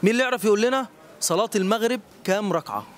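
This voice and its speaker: An Egyptian man hosting a street quiz outdoors, encouraging and quick to praise each answer. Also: sits high. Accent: Egyptian Arabic. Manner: encouraging, repeats praise often.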